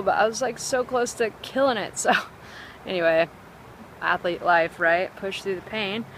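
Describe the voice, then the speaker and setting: A woman talks straight to her viewers by a river in an easy, rambling vlog style, full of "like" and "um." Her voice sits in a middle pitch and turns bright and eager as she gets excited. Faint outdoor noise hums behind her handheld phone recording. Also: low-quality recording. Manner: chatty, full of "like" and "um" fillers; excitable and upbeat. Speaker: vlogger. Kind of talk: casual vlog chat.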